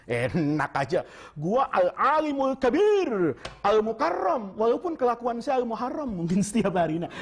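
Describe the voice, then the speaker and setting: A man's voice: very high-pitched, slightly rough. A young Indonesian man preaching at a live study gathering, telling stories with humor and reciting Arabic phrases. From Madura, Indonesia. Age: young adult. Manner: animated storytelling with humor, Arabic recitation and voiced quotes. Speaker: Islamic preacher teaching a classical text. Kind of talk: lively religious study talk.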